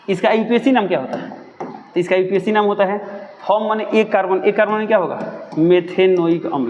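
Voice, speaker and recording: A man's voice: high voice, in a large hall, lo-fi sound, a little hiss or hum. A young man teaching a chemistry lesson, who keeps asking his own questions and answering them.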